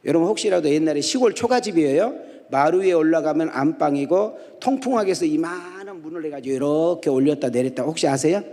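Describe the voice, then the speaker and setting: Preaching as a guest at a dawn prayer service, a middle-aged man with a fairly high, mellow voice spins funny stories and keeps questioning the congregation call-and-response style. The large sanctuary gives the sound an echoey reverb.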